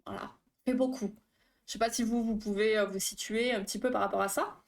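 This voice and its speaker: A woman's voice: mid-range voice, steady tone, a little fast, creaky. A woman therapist hosting a live stream, explaining phobias in a chatty, casual way with many fillers and asides to her chat.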